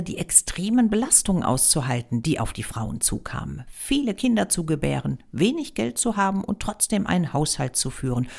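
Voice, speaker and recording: A woman's voice: a bass voice, vocal fry, darkish tone, breathy edge. A woman explaining history as a podcast host, with wry, ironic emphasis.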